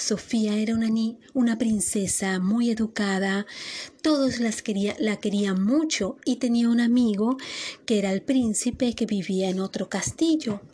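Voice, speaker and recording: A woman telling a fairy tale aloud, slowly and gently, with small slips. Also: fairly high pitch, slightly rough. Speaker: storyteller.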